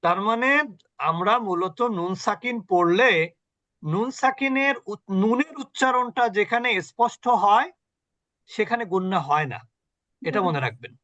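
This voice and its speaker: A man teaching Quran recitation rules in an online class, explaining patiently, quizzing his students and chanting example words slowly. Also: high-pitched, expressive, fairly bright tone, lo-fi sound. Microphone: video call.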